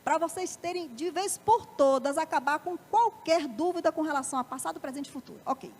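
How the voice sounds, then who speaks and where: High-voiced Brazilian woman lecturing. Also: brisk, a little mellow. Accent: Brazilian Portuguese. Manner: asks the audience frequent rhetorical questions. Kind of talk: live motivational talk. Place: parish auditorium.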